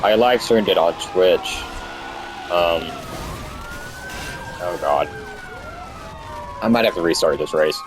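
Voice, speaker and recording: Deep-voiced young stoner man rambling over gameplay. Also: takes it slowly, long pauses, rough recording. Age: young adult. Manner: stoned, rambling and easily sidetracked; swears freely. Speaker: gamer recording commentary. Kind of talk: casual gameplay commentary.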